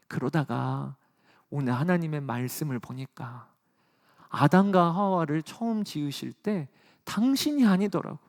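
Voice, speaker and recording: A middle-aged man preaches a sermon in a fairly high voice. He tells personal stories with earnest warmth of conviction, climbing to loud, emphatic peaks and then dropping back to soft, hushed lines. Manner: earnest, personal storytelling from the pulpit. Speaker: pastor.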